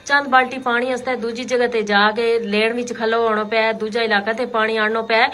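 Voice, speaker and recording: A woman radio host with a bright, forward voice pitched a little high. She speaks, explaining things conversationally and directly to her listeners without a tight script. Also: flat delivery, normal speed. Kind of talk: unscripted talk radio commentary.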